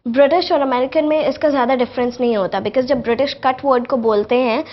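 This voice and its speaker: A confident teenage girl with an Indian accent, her voice a touch high. She explains pronunciation rules and demonstrates the sounds herself. The recording is dull and lo-fi. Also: fairly even intonation, a little fast. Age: teens.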